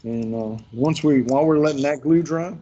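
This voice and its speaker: A man's voice: on the high side, normal speed, mellow, lo-fi sound, a little hiss or hum. A man leading a workshop, telling folksy stories in a rambling way with lots of restarts. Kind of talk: casual virtual workshop instruction.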